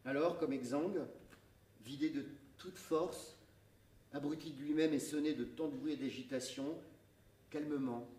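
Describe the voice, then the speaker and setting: A man reads a story aloud to a theatre audience, pacing it in a measured, dramatic way. His voice sits fairly high, and the hall makes it ring, picked up from a distance with faint room noise around it. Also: steady tone, mellow. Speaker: reader. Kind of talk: public reading of a story. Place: theatre stage. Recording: echoey theatre from far off.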